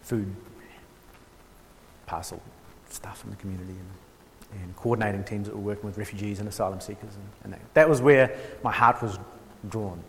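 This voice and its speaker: In a reverberant hall, a New Zealand man delivers an informal theology lecture at a workshop. His voice sits on the low side, creaky and steady, at a moderate pace. He's hesitant, full of ums and false starts, with a dry, self-mocking wit.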